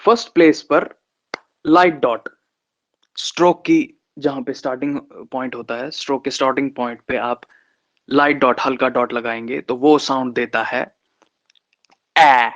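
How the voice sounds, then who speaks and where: A man teaching shorthand in an online class, slowly repeating vowel sounds and example words. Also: mid-range voice, fairly even intonation, a bit bright. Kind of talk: online lesson. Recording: slightly dull, lo-fi sound.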